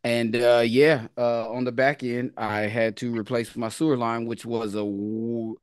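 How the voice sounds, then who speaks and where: A man who is an educator co-hosting a casual podcast chat, talking in a relaxed, easygoing way. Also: medium pitch, unhurried, clear, resonant tone, no echo, studio quality. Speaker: educator, co-host.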